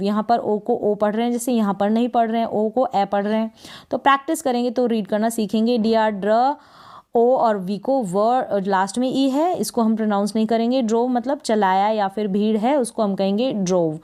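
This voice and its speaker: Higher-voiced woman teaching phonics slowly. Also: mellow, smooth. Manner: sounds out letters slowly, asks and answers her own questions. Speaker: English reading teacher. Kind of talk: phonics lesson for beginners.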